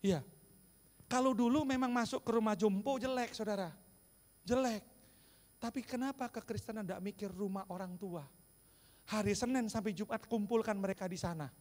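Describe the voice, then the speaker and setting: Animated high-voiced preacher in echoing hall. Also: male voice, moderate pace, long pauses. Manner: animated preaching, calls to the congregation. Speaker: pastor. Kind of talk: sermon. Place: large church hall. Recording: long church hall reverb.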